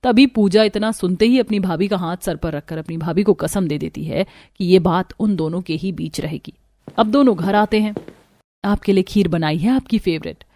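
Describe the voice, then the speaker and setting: A woman giving scripted story narration in a steady, even storytelling voice. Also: fairly low pitch, normal speed, dry recording.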